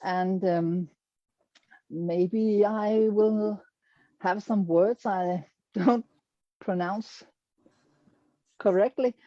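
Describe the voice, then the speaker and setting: A middle-aged Danish woman with a Danish accent shows her quilts to an online audience, speaking hesitant English and often searching for words. Her medium-pitched, mellow voice is steady and very slow, with long pauses, and the recording is dry and muffled.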